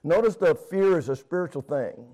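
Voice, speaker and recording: A middle-aged man preaching and praying in a homespun way, often pausing on "uh" and restarting his sentences. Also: a little high, expressive, warm tone, low-quality recording. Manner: homespun, fills pauses with "uh", restarts. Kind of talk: folksy sermon with prayer and personal story.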